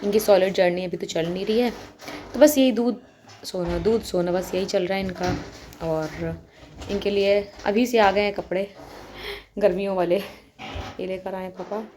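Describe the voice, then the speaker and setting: A young woman narrating her baby's day in a casual home vlog, chatty and sometimes speaking softly so the baby stays asleep. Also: mid-range voice, fairly even intonation, normal speed, pauses often, noisy background. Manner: chatty, soft-spoken at times to avoid waking the baby. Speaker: family vlogger, mother.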